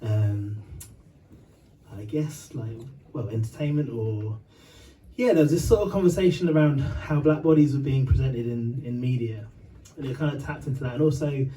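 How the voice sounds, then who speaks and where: A man's voice: medium pitch, moderate pace, mellow, distant mic, slight background noise, poor audio. A man from Uganda and Britain telling a long, rambling story between songs, full of fillers, swearing and laughter.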